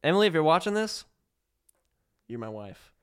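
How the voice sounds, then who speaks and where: Guesting on a casual podcast, a prank video maker tells a rambling story packed with "like" and restarts. His clean voice sits a little high, swings widely in pitch, and moves at a normal speed.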